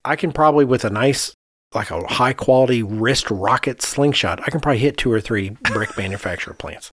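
The podcast host, an architect by trade, talks briskly in a mid-range, slightly bright voice. His casual discussion is emphatic and peppered with rhetorical questions, recorded dry at studio quality.

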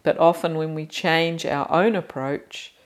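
A woman, a therapist co-hosting a podcast. Her voice is very low for a woman. She speaks in a calm, measured, gently instructive way. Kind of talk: casual podcast chat.

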